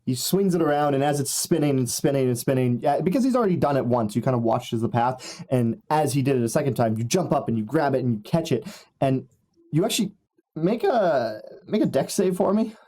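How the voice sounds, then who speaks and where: Rambling game master with a lively voice. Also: male voice, medium pitch, brisk. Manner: rambling, many fillers, laughs at own jokes. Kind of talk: narrating a tabletop game.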